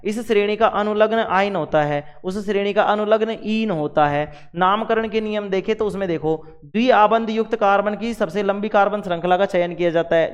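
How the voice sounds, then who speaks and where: A man's voice: sits high, clean tone, long reverb tail, highs cut off. A man teaching a revision lesson at the board, repeating terms and quizzing the class with questions.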